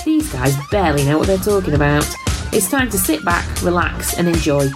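A woman's voice: lowish voice, big pitch swings, normal speed. A British woman reading a playful, self-mocking scripted intro as the show's announcer. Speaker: show announcer. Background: music.

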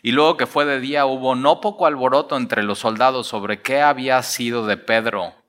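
Man, preacher, animated storytelling sermon, bright forceful tone, long hall reverb. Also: medium pitch, moderate pace. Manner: lively storytelling, acting out the people in the story; laughs often and uses casual slang. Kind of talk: expository sermon.

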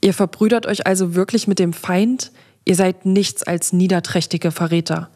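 A woman's voice: on the low side, steady tone, normal speed, mellow, lightly acted. A woman reading the lines of a defiant, fanatical female witch leader in an audio story. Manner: bitter and defiant.

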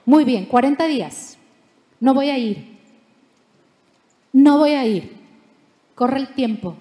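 A woman's voice: high voice, lively intonation, measured pace, dark tone, big-room sound. A woman voicing a stubborn, sulky male prophet who keeps refusing, in a defiant childish way. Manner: defiant, repetitive, childish protest.

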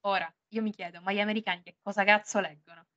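A woman's voice: medium pitch, fairly even intonation, quick pace, sharp tone, dry recording, dull audio. A woman co-hosting a casual book podcast. She reads passages aloud with drama and jokes and swears freely between them. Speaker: podcast co-host.

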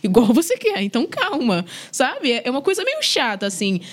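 A woman's voice: high voice, a little fast. A young Brazilian woman, a guest on a podcast, chatting casually about her life as a single mother and filling her speech with "né?" and "gente". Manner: chatty, animated, lots of "né?" and "gente". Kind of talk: casual chat, personal storytelling.

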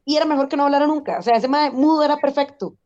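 A Costa Rican woman on a podcast, chatting casually and putting her points bluntly and emphatically. Her voice is high, and the recording sounds dull and muffled. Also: very fast, darkish tone. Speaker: podcast guest. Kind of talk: casual chat.

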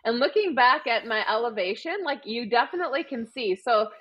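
A woman's voice: a little high, expressive, brisk, fairly bright tone, no echo, lo-fi sound. Chatty woman with a Wisconsin accent. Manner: chatty, frequent ums and likes. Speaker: podcast guest, marathon runner. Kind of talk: casual interview chat.

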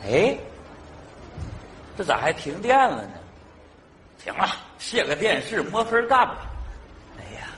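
Good-natured forgetful northeastern chinese dude, high and jumpy, big exclaiming comedy delivery. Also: male voice, unhurried, long pauses, slight background noise, heavily acted. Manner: exclaiming, lively comic delivery. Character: forgetful good-natured man fetching his old TV. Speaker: sketch comedy actor. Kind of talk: stage comedy sketch.

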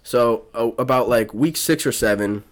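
A young man in casual podcast chat tells a story in a relaxed, profane way. His voice sits mid-pitched and easygoing, full of fillers and restarts. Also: normal speed. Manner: profane, laid-back storytelling with lots of fillers. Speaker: podcast co-host.

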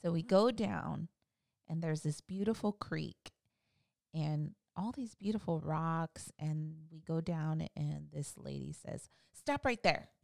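A woman in her thirties, a mother chatting casually with her husband and telling a family story with animated quoted lines. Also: low-pitched, takes it slowly, creaky, dry recording, clean studio sound. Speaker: co-host, wife and mother. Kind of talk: casual chat.

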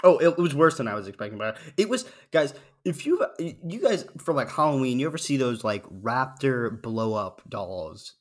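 A man in casual chat with a friend, tearing into a bad film. He talks in a loose, mocking way with lots of fillers and suddenly acts out scenes with loud screams. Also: mid-range voice, very animated, moderate pace, hardly any pauses. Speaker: podcast co-host reviewing a movie.

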